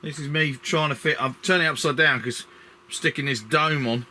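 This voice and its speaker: Essex man, bright voice, thinking aloud. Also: on the high side, fairly quick, slight background noise. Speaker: hobby model-building video maker. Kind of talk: casual talk-through while building.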